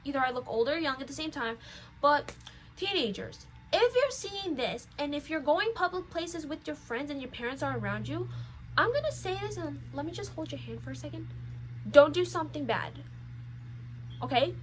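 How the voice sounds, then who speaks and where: High-voiced young woman lecturing casually. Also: lively intonation, normal speed, rough recording. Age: young adult. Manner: rambling, lecturing, many fillers and restarts. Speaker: vlogger. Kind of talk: casual chat.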